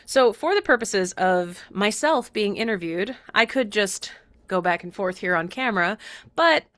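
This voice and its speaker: This Virginia woman hosts her own spiritual podcast and works as a channeler. Her medium-pitched voice is animated, unhurried and a little bright, recorded dry, as she chats casually, rambles and laughs often.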